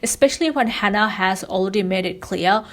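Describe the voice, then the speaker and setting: A woman's voice: medium pitch, brisk. A woman narrates a scripted video essay in a mid-range voice. Her delivery is critical and pointed, picking apart what she describes. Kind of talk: scripted commentary.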